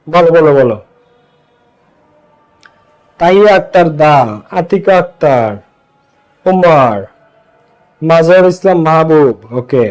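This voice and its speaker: Guy teaching english grammar online, pretty high voice, keeps asking the class questions and answering them himself. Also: lively intonation, darkish tone, smooth, faint music behind, poor audio. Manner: drills students with repeated questions and answers; mixes Bengali explanation with slow English example phrases.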